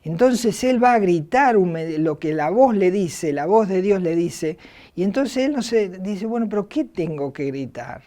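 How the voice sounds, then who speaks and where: Woman, Argentine accent, middle-aged, sermon, slow, mellow, reflective. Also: medium pitch, expressive. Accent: Argentine Spanish. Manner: slow, reflective preaching with acted quotes. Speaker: preacher.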